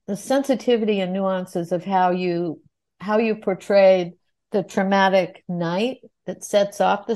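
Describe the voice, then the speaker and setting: Woman interviewer, thoughtful and articulate, long flowing questions, middle pitch. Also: darkish tone.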